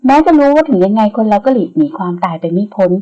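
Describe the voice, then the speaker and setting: A woman's voice: mid-range voice, lively intonation, warm tone, muffled recording, close to an everyday voice. A woman voicing a bossy, blunt young woman. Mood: teasing. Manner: brisk and commanding. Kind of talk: audiobook character reading.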